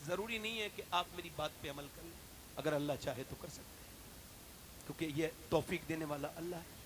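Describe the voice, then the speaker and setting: A man preaching an impassioned sermon, telling stories in a hushed voice and rising to loud, shouted appeals with questions to the audience. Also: on the high side, slight background noise. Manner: swings from hushed storytelling to loud shouted exhortation.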